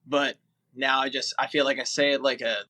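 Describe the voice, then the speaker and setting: A man's voice: mid-range voice, level tone, fairly quick, bright, forceful tone. A young man from the Philadelphia area, a musician guest chatting casually and rambling a bit. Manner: rambling, easygoing, lots of fillers. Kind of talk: casual interview.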